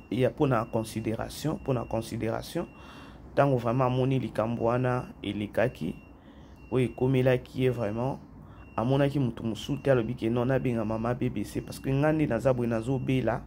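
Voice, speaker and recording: With a darkish mid-range voice and a head cold, a man hosts a chatty YouTube commentary vlog in mixed French and Lingala. He repeats phrases and addresses his viewers head-on, while a faint hiss or hum sits in the recording.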